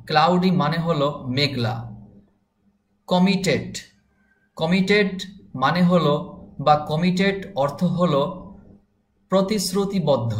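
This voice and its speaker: A man teaching English vocabulary, saying each word and its meaning over and over, and correcting pronunciation. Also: high-pitched. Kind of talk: slow repetitive vocabulary drill. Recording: echoey room.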